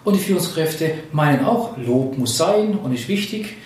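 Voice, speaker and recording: A man's voice: a little high, expressive, moderate pace, darkish tone, slight background noise. A man hosting a podcast, explaining and asking questions like a leadership trainer. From Swabia, Germany. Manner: explanatory, asks questions, coaching tone. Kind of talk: conversational podcast talk. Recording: very echoey room, distant mic.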